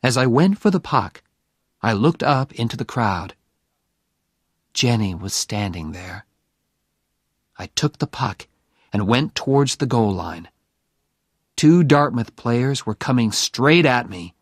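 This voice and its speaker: Slow, expressive male story reader. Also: mid-range voice, breathy edge, no room sound, studio quality. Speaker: audiobook narrator. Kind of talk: first-person story reading for learners.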